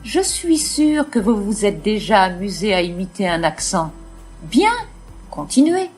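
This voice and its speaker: A woman with a French accent reading a bilingual French and English lesson slowly and plainly in a blunt, outspoken manner. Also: mid-range voice, a little mellow, soft background music. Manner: slow, deliberate and outspoken. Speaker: podcaster teaching French. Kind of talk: scripted bilingual narration.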